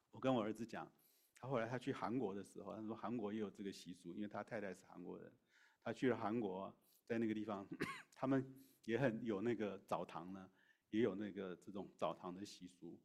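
Middle-aged male pastor, low-pitched, chatty sermon delivery, hesitant restarts. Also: fairly even intonation, moderate pace, vocal fry, a little mellow. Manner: conversational preaching with fillers and restarts.

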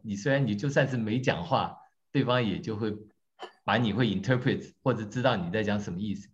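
Church class teacher, man, lowish voice, lively and self-mocking, dull lo-fi recording. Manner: lively, questions the audience, tells jokes on himself. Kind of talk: interactive teaching talk.

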